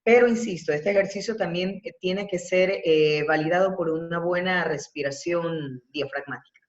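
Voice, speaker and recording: Speaking at a moderate pace in a lowish voice, this woman, a university professor and voice coach with an Ecuadorian accent, teaches breathing and vocal exercises during a webinar. She explains with emphasis, and the recording sounds muffled with an echo.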